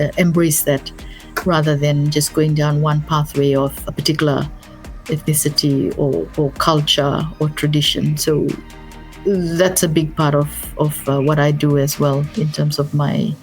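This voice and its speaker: A woman's voice: sits low, little pitch movement, normal speed, a little mellow, soft background music. A middle-aged woman from Fiji with a Fijian accent, a business advisor speaking earnestly as a guest, often repeating and restarting her words. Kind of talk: interview conversation.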